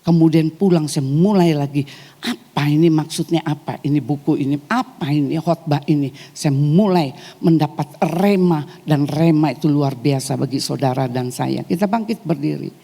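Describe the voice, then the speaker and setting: A middle-aged woman pastor preaching a sermon at a church service, growing emotional and rising high in pitch when stirred. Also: moderate pace, gravelly, warm tone, long reverb tail. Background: music.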